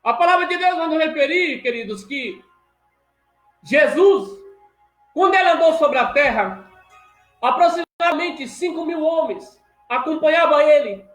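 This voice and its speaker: A man's voice: very high-pitched, expressive, measured pace, a bit bright. A Brazilian man preaching a sermon as pastor, impassioned, retelling scenes with quoted dialogue. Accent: Brazilian Portuguese. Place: church. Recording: echoey church with music behind.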